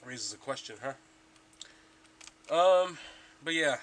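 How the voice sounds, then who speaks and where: A man's voice: fairly high pitch, animated, takes it slowly, fairly bright tone. A young man rambling casually about his gaming progress as a podcast host, stuffy from allergies, with lots of ums and restarts.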